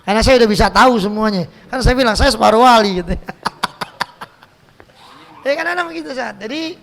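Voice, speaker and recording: High, gravelly Betawi-accented cleric. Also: male voice, fairly quick. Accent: Jakarta Betawi. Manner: joking, conversational, slangy, quotes Arabic text then explains. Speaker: cleric teaching a mosque study circle. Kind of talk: casual teaching sermon. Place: mosque hall.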